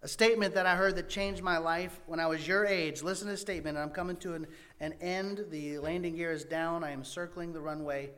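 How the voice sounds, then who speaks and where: A man preaching a sermon to young people, speaking emphatically with swings between loud and hushed delivery. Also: fairly high pitch, steady tone, brisk, few pauses.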